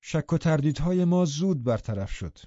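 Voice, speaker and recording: A man narrating an audiobook in a steady storytelling manner. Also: fairly high pitch, dry recording. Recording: dull, dry studio recording.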